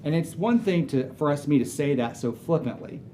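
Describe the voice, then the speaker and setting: A man's voice: fairly high pitch, expressive, normal speed, dark tone, slight background noise. A man and author giving a conversational, earnest motivational talk to a room of agents, working through lists of ideas. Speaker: speaker and author.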